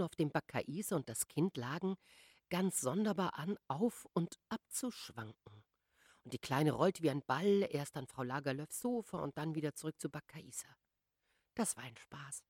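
A woman's voice: low voice, dry recording. Woman reading a novel aloud, dry studio. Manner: measured, expressive storytelling. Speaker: audiobook reader. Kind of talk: scripted literary narration.

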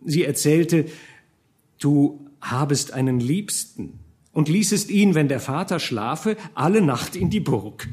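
A man's voice: fairly high pitch, animated, slow pace, a little mellow, pitched above the performer's own voice. A man reading an audiobook, voicing an honest, jealous young knight in an earnest, slightly raised voice. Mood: confessing. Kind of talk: audiobook character voice.

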